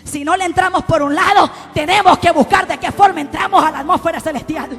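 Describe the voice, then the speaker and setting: Very high-voiced woman preaching in a church. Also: quick pace. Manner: impassioned, rising to shouts, asks the congregation. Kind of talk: live Pentecostal sermon. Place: church sanctuary. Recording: live church recording with long reverb and faint music.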